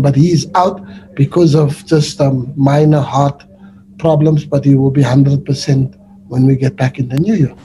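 A South African football coach in his forties answers reporters over a video call, with a fairly high but dark, mellow voice. He talks in a loose, rambling way, full of fillers and restarts, and a faint hiss sits under him. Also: rough recording. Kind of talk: post-match press conference answers. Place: indoors before a sponsor backdrop. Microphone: webcam on a video call.

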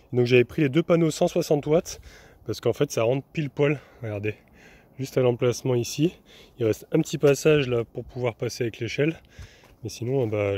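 A medium-pitched, darkish male voice belongs to a young vanlife vlogger giving casual DIY narration. He talks as he works, sometimes on the roof of his camper van outside, filling his chat with fillers and restarts.

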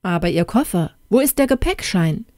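A woman's voice: fairly low pitch, very animated, normal speed, darkish tone, no room sound, studio quality. Brief: brusque male train conductor, read by a woman, clipped lines. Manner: brusque, short.

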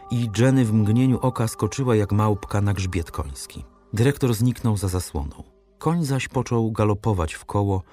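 A man narrating a classic novel as an audiobook, reading in a measured, dramatic way. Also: lowish voice, dark tone. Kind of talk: scripted literary narration.

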